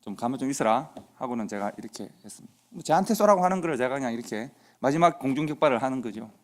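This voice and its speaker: A man's voice: medium pitch, lively intonation, rapid-fire. A middle-aged man preaching in a church, telling a personal story in a conversational way and acting out the dialogue. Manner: conversational anecdote with quoted dialogue. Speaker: pastor. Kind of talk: sermon storytelling. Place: church sanctuary.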